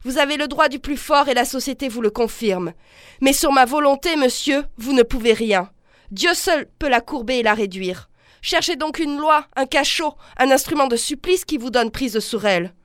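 A woman reading aloud the lines of a proud young wife who answers in an icy, measured, defiant manner. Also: sits high, animated, fairly bright tone, dry recording, studio quality, pitched above the performer's own voice.

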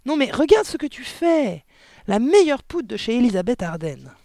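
A shrieking, hysterical mother from a storybook reading, put on by a reader. Her voice is pushed high and loud, with wild, lively swings in pitch. The sound is dry and close. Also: fairly quick, dry recording, close to an everyday voice. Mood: scolding. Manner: shrieking, scolding. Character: shrill hysterical middle-aged mother. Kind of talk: audiobook reading.

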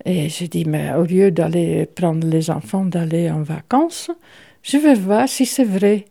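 An older woman, a great-grandmother, recalling her past in a halting, wry way. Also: lowish voice, gravelly, dark tone. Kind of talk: personal recollection for a documentary.

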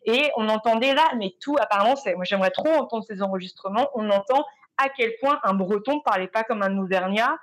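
A woman artist speaking as a panel guest, in a lively, colloquial way with some fillers. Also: mid-range voice, brisk. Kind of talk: panel discussion.

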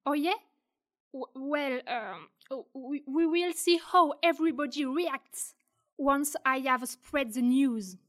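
A woman's voice: high voice, takes it slowly, fairly bright tone. A woman playing a spiteful young crew member who threatens to spill secrets, in a student audio drama. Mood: scornful. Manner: scornful, threatening.

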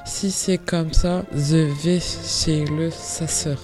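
A woman's voice: deep voice, steady tone, slow pace, a little mellow, faint music behind. A woman voicing an impatient big bad wolf in a children's story, grumbling and exasperated.

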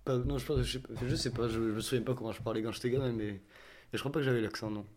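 A man in his twenties from southern France, answering interview questions in a relaxed, chatty way with frequent restarts. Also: medium pitch, very fast. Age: 20s. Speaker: young worker interviewee.

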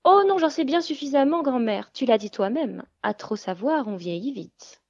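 A woman's voice: sits high, lively intonation, unhurried, mellow, muffled recording, pitched above the performer's own voice. A woman voicing a timid young peasant girl in a storybook reading, stammering and pleading.

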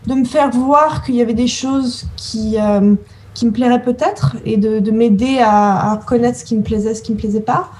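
Woman in her 30s, soft mellow tone, kinda hesitant answering questions, some noise behind her. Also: fairly high pitch, moderate pace, poor audio. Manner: hesitant, searching for words. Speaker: interview guest, scientist.

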